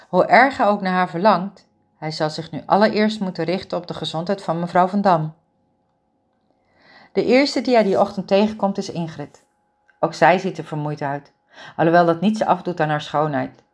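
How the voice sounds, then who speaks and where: A woman reading a romance story aloud as narrator in a calm, steady manner. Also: fairly low pitch.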